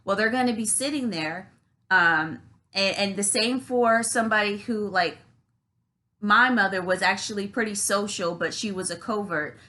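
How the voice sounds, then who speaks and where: A woman's voice: mid-range voice, bright, forceful tone. A woman vlogger talking in a casual, rambling monologue with many restarts.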